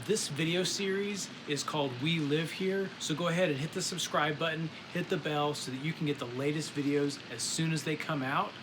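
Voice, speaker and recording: A man's voice: on the high side, fairly even intonation. Upbeat male channel host, background noise. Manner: friendly, quick promotional delivery. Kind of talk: quick channel intro.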